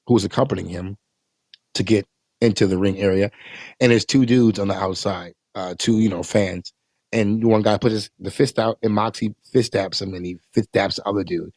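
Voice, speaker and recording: A man casually recapping and reviewing a wrestling show, animated, swearing freely and acting out quotes. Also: lowish voice, dry recording, clean studio sound.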